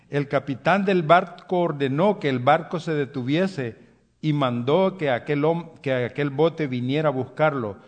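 A man's voice: on the high side, measured pace, big-room sound, lightly acted. A man voicing a uniformed sailor who reassures a castaway that help has come, inside a sermon story. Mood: reassuring. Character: friendly male sailor on a rescue boat.

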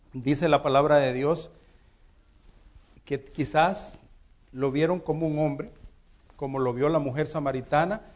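A man preaching a sermon in an earnest tone, asking rhetorical questions and swinging between loud and soft. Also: fairly high pitch.

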